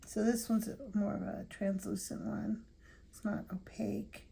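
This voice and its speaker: A tired woman hosting an art channel, chatting softly and thinking aloud while she swatches paints at home. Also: medium pitch, flat delivery, creaky, slightly rough. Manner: soft-spoken, unhurried, thinking aloud.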